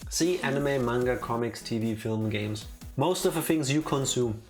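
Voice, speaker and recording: In casual talk ahead of a game stream, a streamer speaks at a moderate pace with a mid-range, darkish voice. Opinionated and playfully teasing, they're heard over background music.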